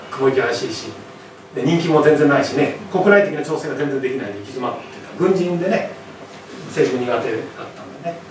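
A man giving a public history lecture in an animated, chatty way, keeping the audience with him through constant tag questions. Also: medium pitch. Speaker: lecturer and author. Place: lecture hall. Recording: very echoey hall, far from mic, faint noise.

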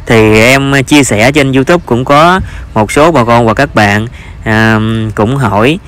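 In an informal vlog, a farmer with a Southern Vietnamese accent narrates in a medium-pitched, fairly bright voice. He speaks slowly, and his phrasing is hesitant and repetitive.

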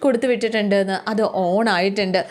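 A woman voicing a troubled young girl who speaks in a halting, tearful way. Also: mid-range voice, fairly even intonation, a little mellow, natural voice.

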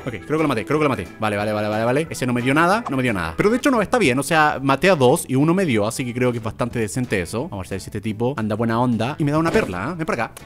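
A young man, commenting on his Minecraft play, muttering to the mobs and bursting out in excitement. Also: medium pitch, very fast, few pauses, soft background music. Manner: excitable, talks to mobs, swings between mutters and outbursts. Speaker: gaming YouTuber.

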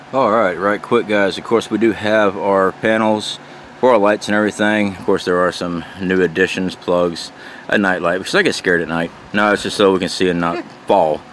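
A deep-voiced, middle-aged man narrates a folksy, plain-spoken handheld walkthrough of a small trailer, inside and outdoors, speaking to viewers as "guys" in his trailer-tour vlog. The camera or phone mic yields noisy sound with outdoor and fan hum.

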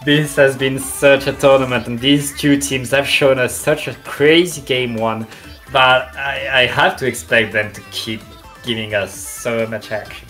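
Esports co-caster, mid pitch, enthusiastic and a bit halting, faint music underneath. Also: steady tone, fairly bright tone. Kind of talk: esports color commentary.

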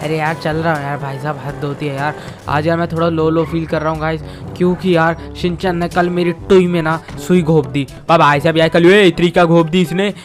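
A man's voice: on the high side, level tone, fairly quick, music in the background, pitched below the performer's own voice, natural voice. Grumbling young hero, voiced by a man, chatty and exasperated. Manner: exasperated, chatty, addresses viewers. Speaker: gaming channel host. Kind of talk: comic fan dub over gameplay.

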